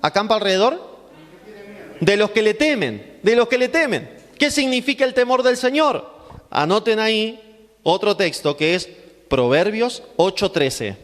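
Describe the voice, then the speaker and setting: A man's voice: high voice, lively intonation, unhurried, a bit bright. A male pastor teaching a Bible class sermon, asking rhetorical questions and answering them himself, with emphatic repetition. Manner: emphatic, repeating phrases for stress. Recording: long hall reverb.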